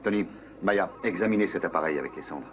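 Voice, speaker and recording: An actor playing a decisive, protective male moon-base commander in a dubbed science-fiction series, giving brisk orders and questions. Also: deep voice, background noise, lightly acted. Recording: music behind the voice.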